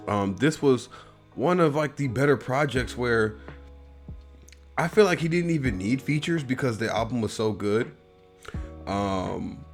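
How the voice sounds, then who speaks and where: A man from the US Midwest with a Midwestern accent, hosting his own show and giving a loose, rambling, profane album review. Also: medium pitch. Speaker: host.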